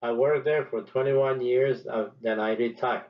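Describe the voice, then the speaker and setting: A man in his sixties from Serbia, giving a measured, deliberate teaching presentation as a statistics professor. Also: mid-range voice, steady tone, highs cut off. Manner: deliberate, measured lecturing with pauses.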